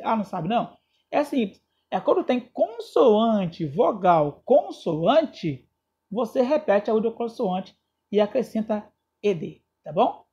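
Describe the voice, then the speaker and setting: Brazilian guy teaching english grammar, bit husky, dull muffled sound. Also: sits high, darkish tone. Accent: Brazilian Portuguese. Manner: checks in with students often, spells out endings letter by letter. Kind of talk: recorded lesson explaining grammar.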